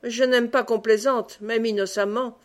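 A woman reading the lines of a severe old male lord in an audiobook, speaking a little lower and curtly. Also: fairly even intonation, moderate pace, close to an everyday voice. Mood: stern. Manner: severe, curt.

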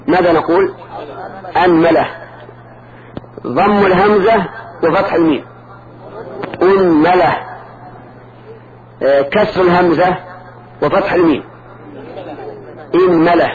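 A man's voice: high-pitched, muffled recording, slight background noise. A man teaching Arabic grammar in a lesson, patiently repeating word forms and checking that students follow.

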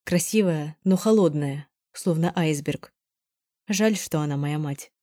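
A woman reading a first-person story as an audiobook narrator in a measured, even way. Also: low-pitched, no room sound, clean studio sound.

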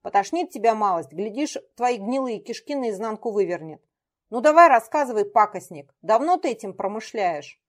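A man in a blind rage, barking threats and orders at someone cowering before him, as a woman reader puts him on. His voice climbs loud and high with fury and stays hard and commanding throughout. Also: fairly quick, close to an everyday voice. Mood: menacing. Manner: shouting, harsh, commanding.

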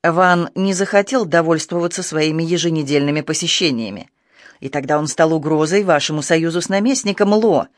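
A man playing a shrewd male magistrate who questions in a cool, measured way. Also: fairly high pitch, dry recording, studio quality, natural voice. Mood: cold. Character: shrewd male magistrate, calm, cold and probing.

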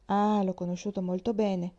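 A woman reading the part of Mrs Smith, a shrewd, knowing widow who speaks in a confiding, gently teasing way. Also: medium pitch, level tone, normal speed, muffled recording, lightly acted.

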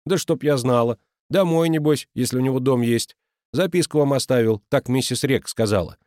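A man's voice: mid-range voice, moderate pace, a little mellow, no echo, studio quality, pitched above the performer's own voice, close to an everyday voice. A man voicing a bold, teasing teenage girl who talks in a cheeky, colloquial way. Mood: chatty.

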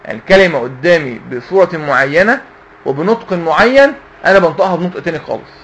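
Lively in intonation and fast, a fairly high, slightly bright male voice quizzes a class of young students on Quran recitation, call-and-response style. He has an Egyptian Arabic accent, and the audio sounds dull.

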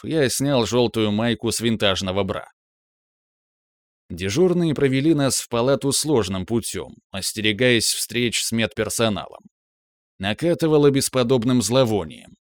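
A man narrating an audiobook in a measured, even reading. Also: on the low side, no room sound, clean studio sound. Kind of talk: scripted narration.

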